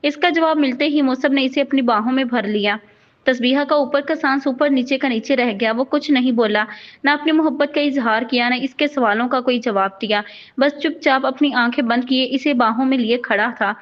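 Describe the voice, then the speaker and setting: High-voiced woman narrating a novel. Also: normal speed. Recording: dull lo-fi recording.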